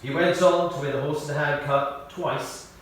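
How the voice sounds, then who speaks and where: This man, a eulogist at a memorial service, reads his prepared tribute in a large church, relating stories with measured pacing and dry humour. His voice is on the high side, fairly bright, with fairly even intonation. The recording is echoey, from a distant mic with faint noise.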